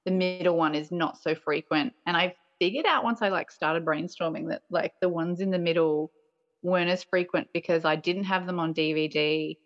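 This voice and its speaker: A woman's voice: on the low side, steady tone, normal speed, dull audio, faint music behind. A woman chatting casually as a podcast guest, playful and giggly, sprinkling her talk with "like". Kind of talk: casual chat.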